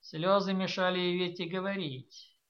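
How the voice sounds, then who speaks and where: A woman narrating a literary audiobook in a measured, expressive reading. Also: lowish voice, lo-fi sound.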